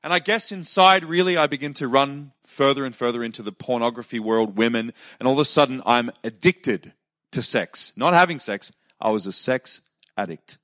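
A man's voice: mid-range voice, lively intonation, normal speed. A man preaching in English, telling a personal story in short phrases left for an interpreter. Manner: emotional storytelling, shouted cries in quoted moments. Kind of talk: sermon with live interpreter.

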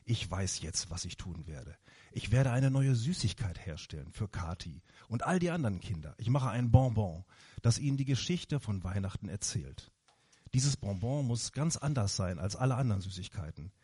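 A man voicing a kind, patient old candy maker gently explaining things to his granddaughter. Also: fairly low pitch, very animated, normal speed, husky. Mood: musing.

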